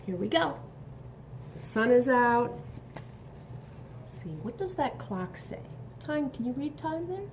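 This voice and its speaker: A high-voiced woman reads a picture book to little kids, putting expression into it and teaching as she goes, with pauses for questions and asides. The recording carries a faint hiss or hum.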